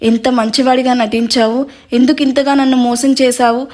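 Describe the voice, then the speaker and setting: Defiant, accusing young woman, read by a woman storyteller, high and even. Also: moderate pace, natural voice. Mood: furious.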